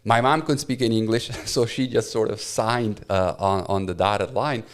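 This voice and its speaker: A man in his forties with a fairly low voice, born and raised in Romania and a native Romanian speaker. He gives an earnest, heartfelt personal testimony as an interview guest. He often pauses on "uh" as he tells his story. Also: clean tone. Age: 40s. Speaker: guest, professor.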